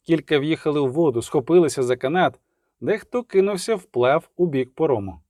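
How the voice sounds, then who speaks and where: Male audiobook narrator, mellow dark tone, dry close mic. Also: fairly high pitch, animated, brisk, dry recording. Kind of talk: scripted narration.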